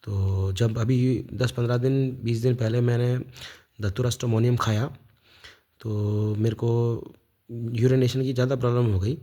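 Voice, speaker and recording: A man in his thirties from India, talking in a rambling, halting casual monologue full of fillers and restarts. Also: mid-range voice, fairly even intonation, dark tone. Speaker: vlogger.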